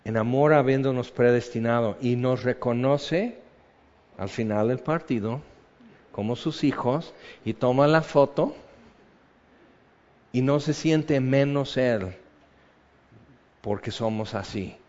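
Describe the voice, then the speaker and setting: A middle-aged man preaching a sermon, telling stories with lively acted-out voices. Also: takes it slowly, pauses often. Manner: animated storytelling, acts out voices with big jumps in pitch and loudness. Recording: muffled sound in a long-echo hall.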